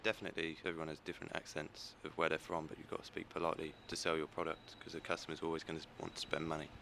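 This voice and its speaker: A man who works in a tailor's shop, giving quick, practical answers in a street interview. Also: very deep voice, monotone, creaky, sharp tone, slight background noise.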